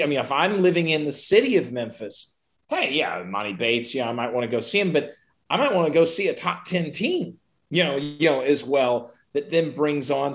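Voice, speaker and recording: A man on a sports podcast panel, analytical and thinking aloud with fillers. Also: a little high. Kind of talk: casual sports podcast chat.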